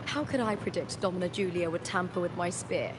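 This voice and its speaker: A woman's voice: on the low side, fairly quick, noisy background, close to an everyday voice. An actress playing a proud, confident woman fighter, cool and condescending. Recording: game audio under loud music.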